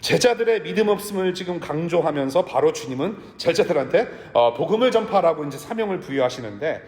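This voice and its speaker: A man preaching a sermon to his congregation in a church, talking in a conversational way and sometimes dropping to a hush. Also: a little high, lively intonation, fairly quick. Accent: Korean with English words mixed in. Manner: conversational preaching, drops to a hush for tender lines. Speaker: pastor. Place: church sanctuary. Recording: echoey church hall.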